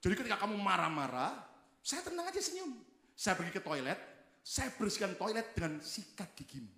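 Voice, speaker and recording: A man's voice: high-pitched, sing-song, brisk, bright, forceful tone, full character voice. A man playing a sly, unbothered husband. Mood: smug calm. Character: calm, sly middle-aged husband. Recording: echoey church hall.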